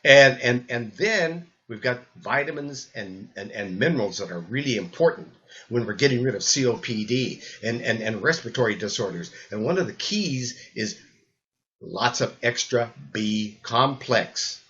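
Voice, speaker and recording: An older man with a rambling, halting delivery who repeats words as he talks through supplements, recorded as old camcorder audio. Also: medium pitch, expressive, fairly bright tone, dull audio. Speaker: health supplement presenter. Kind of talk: rambling spoken talk.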